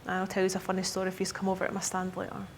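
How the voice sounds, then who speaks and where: Rapid-fire and monotone, a Scottish woman in her thirties works as a key account manager giving a conference presentation to advisers. She is chatty and frequently checks in with the audience, while the hall echoes with a faint rumble.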